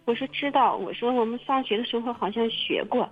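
A woman telling her own story in casual testimony, halting and repeating her words with many fillers. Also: fairly high pitch. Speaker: testimony guest. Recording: muffled phone-line radio recording.

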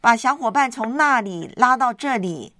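A woman's voice: on the high side, animated, moderate pace, sharp tone, a little hiss or hum. A woman hosting a live call-in, chatting with children in a coaxing, affectionate way. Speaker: radio call-in host. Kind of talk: live chat with child callers.

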